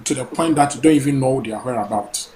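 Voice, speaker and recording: Man from ghana calling in, lots of ums, earnest, mid voice, clear noise on the line. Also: medium pitch, a little fast. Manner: hesitant, many fillers, earnest. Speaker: caller. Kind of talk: call-in talk.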